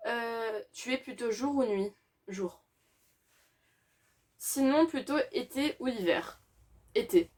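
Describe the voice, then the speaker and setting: A woman's voice: fairly high pitch, takes it slowly, pauses often, darkish tone. Teen girl rambling thru a q&a tag, lots of umms, casual and giggly. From France. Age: teens. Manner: chatty, hesitant, many fillers, laughs. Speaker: YouTuber.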